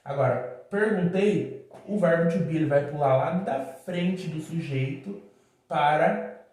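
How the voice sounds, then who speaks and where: A man's voice: on the high side, a little mellow. A man with a Brazilian Portuguese accent giving a casual, chatty video lesson as an English teacher, drawing out words as he writes on the board. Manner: chatty, drawn-out words while writing on a board. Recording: very echoey room.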